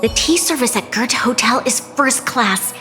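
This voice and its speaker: A woman's voice: fairly high pitch, lively intonation, measured pace, in a large hall, music in the background. A woman voicing a refined, composed young noblewoman in a video game, formal and elegant. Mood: serene.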